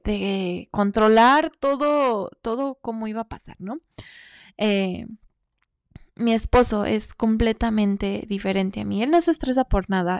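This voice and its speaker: A woman's voice: fairly high pitch, darkish tone, no room sound, studio quality. A woman telling a personal story in a casual, reflective way, laughing between phrases and acting out her own past thoughts. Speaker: vlogger.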